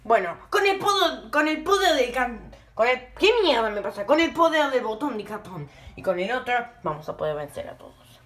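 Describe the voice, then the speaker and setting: A woman giving excitable let's play commentary, full of frightened cries and screams. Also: a little high, normal speed. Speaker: gaming video host.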